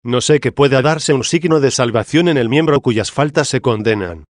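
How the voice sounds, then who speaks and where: A man's voice: mid-range voice, normal speed, dry recording, clean studio sound, lightly acted. A man voicing the Church personified as a proud queenly woman, in a solemn and reproving audiobook reading of a theological dialogue. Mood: stern.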